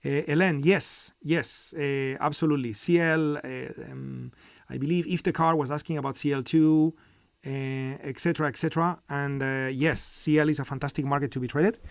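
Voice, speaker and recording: A man's voice: fairly high pitch, steady tone, moderate pace, creaky, dry recording, studio quality. A middle-aged man hosting a live trading lesson, explaining step by step with frequent fillers and "okay?" check-ins. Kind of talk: live market commentary and teaching.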